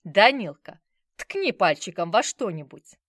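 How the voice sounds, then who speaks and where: A woman's voice: mid-range voice, big pitch swings, measured pace, a bit bright, dry recording, clean studio sound. A woman reading an audiobook voices a doting grandfather who talks in a teasing, jokingly instructive way. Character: doting, bossy grandfather holding toddler.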